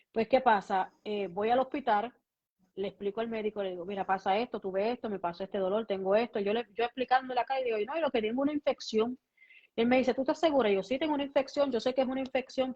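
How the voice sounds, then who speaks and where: A woman pastor tells her story as a guest, voicing each person in her conversations with lively back-and-forth. Her voice sits fairly high. The recording sounds dull and lo-fi. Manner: lively storytelling, acting out both sides of conversations. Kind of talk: testimony in an interview.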